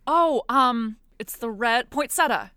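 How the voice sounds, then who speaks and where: A woman's voice: on the high side, expressive, slow, pushed and bright, clear, resonant tone, no room sound, clean studio sound. A woman co-hosting a casual podcast chat, making wry, teasing remarks and laughing along. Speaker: podcast co-host.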